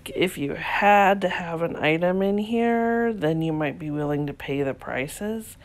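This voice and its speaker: A woman vlogger and reseller casually narrating as she browses an antique store, softly marveling and sometimes dropping to a whisper. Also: on the low side, lively intonation, a little slow. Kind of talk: casual shop-along narration. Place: cluttered indoor antique store.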